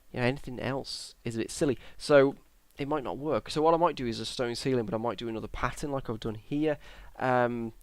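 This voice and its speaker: A young Englishman talks through his game in a casual, tired ramble, full of restarts and trailing thoughts. His voice is gravelly with fry. The sound is close and dry, with no room echo. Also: mid-range voice. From England. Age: young adult. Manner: rambling, hesitant, self-correcting. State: tired, yawning. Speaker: Minecraft YouTuber. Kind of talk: casual gameplay commentary.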